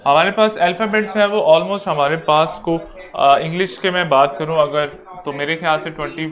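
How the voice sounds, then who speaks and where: A man with a Pakistani accent teaching an online exam-prep English lecture, explaining slowly, repeating points and checking that students follow. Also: fairly high pitch, a bit bright.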